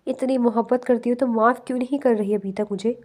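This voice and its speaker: A woman's voice: fairly high pitch, steady tone, darkish tone, close to an everyday voice. A woman reading the lines of a brusque, commanding young man in an audiobook novel. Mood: angry.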